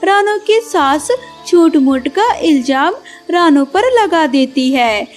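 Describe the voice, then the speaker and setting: A woman narrating a children's cartoon moral story in a measured, expressive way. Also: high-pitched.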